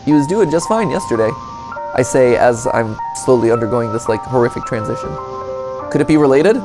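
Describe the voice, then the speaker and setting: This reaction host is a man with a medium-pitched, animated, brisk voice, though the audio quality is poor. He casually reads on-screen text out loud, throwing in sarcastic quips and exclamations while music plays underneath.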